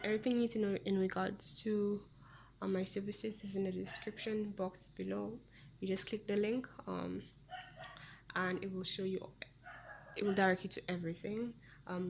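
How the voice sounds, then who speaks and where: Woman tarot reader, casual and meandering, mid-pitched with a gravelly edge. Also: a little hiss or hum. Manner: chatty, meandering, frequent ums. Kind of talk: casual tarot reading to viewers.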